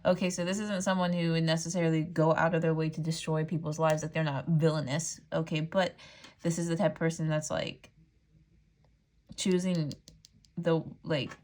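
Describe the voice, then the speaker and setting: A woman's voice: sits low, level tone, normal speed, darkish tone. A woman giving a casual tarot reading straight to her viewers, chatty and loose, full of "like" and "um". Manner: chatty, frequent "like" and "um", laughs easily. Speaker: tarot reader.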